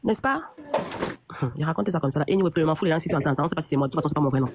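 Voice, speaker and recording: A woman's voice: sits low, rapid-fire. A woman telling a personal story in casual chat, rambling and restarting her sentences often. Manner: rambling, many restarts and repeats. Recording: noisy online audio.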